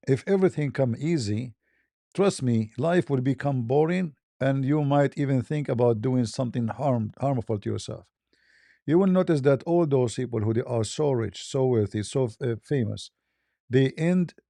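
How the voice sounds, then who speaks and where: A man's voice: medium pitch, normal speed, vocal fry, dark tone, no room sound, clean studio sound. A man giving a casual, conversational monologue in plain non-native English, often repeating and restarting his words. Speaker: online religious debater. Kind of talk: casual monologue answering questions.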